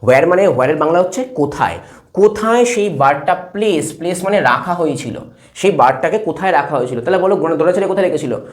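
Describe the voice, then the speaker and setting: A man's voice: a little high, expressive. Man teaching, asking and answering himself. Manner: explains step by step, asks and answers his own questions; slows down to spell and read English words aloud. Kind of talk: classroom English lesson explained in Bengali.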